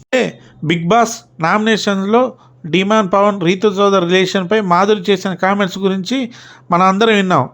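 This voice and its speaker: High-voiced man chatting about gossip. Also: steady tone, brisk, fairly bright tone. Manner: chatty, addresses viewers as friends. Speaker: show commentator. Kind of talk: casual commentary on reality-show gossip.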